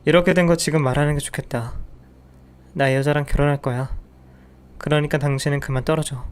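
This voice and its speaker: A man's voice: on the high side, steady tone, fairly quick, smooth, lightly acted. A man voicing a cold, contemptuous husband who insults and dismisses his wife. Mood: dismissive. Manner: scornful, dismissive.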